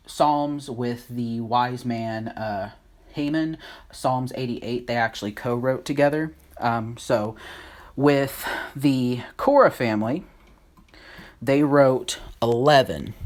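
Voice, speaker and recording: Slow, halting Bible study host. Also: mid-range voice. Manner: halting, unsure of names, thinks aloud while writing. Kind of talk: casual Bible lesson at a whiteboard.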